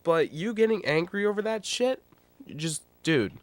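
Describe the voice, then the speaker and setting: With a cold making his voice nasal and stuffy, a twenty-something YouTuber and streamer rambles bluntly in casual livestream commentary. He speaks in a high, expressive voice, a little slowly, with no echo.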